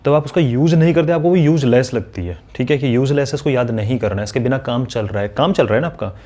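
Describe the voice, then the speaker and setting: Guy teaching maths, mellow warm voice, scolds n pushes students, recites tables quick. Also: mid-range voice. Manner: scolding, coaching tone, addresses students as beta. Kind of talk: direct-to-camera teaching talk.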